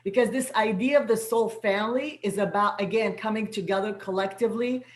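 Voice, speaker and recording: A soul guide and coach whose first language is Arabic welcomes people to an online spiritual gathering with inspirational words. Her mid-range voice is brisk and gentle, affirming and repeating words for emphasis, and it sounds reverberant over a video call.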